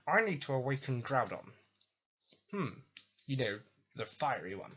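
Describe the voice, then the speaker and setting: A man's voice: mid-range voice, very animated, unhurried, fairly bright tone, husky, dull audio, full character voice. A man voicing a muddled male villain leader who fumbles and corrects himself mid-sentence. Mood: pompous.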